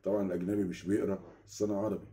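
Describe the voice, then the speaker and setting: A man's voice: low voice, racing, slight background noise. A man with an Egyptian accent telling a story in a casual rant, keeps asking the listener whether they follow, speaking from a small room at home. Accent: Egyptian Arabic. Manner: animated, keeps asking the listener "you get it?". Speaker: vlogger.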